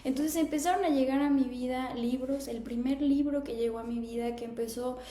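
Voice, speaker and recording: Woman in her thirties, high pitched, mellow tone, live stream host, echoey room. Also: fairly even intonation, brisk. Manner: warm, conversational, reads viewer comments aloud. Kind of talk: casual live stream talk, greeting viewers.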